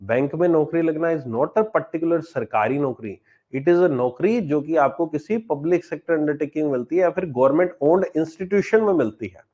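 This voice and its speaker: A man gives a live online banking lesson, keeping it loose and talky and answering questions from the chat. His voice sits a little higher than most men's, and the stream audio sounds dull and lo-fi. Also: lively intonation, moderate pace, warm tone. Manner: chatty, reads out and answers students' chat questions. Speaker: banking exam teacher. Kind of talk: live online class lecture.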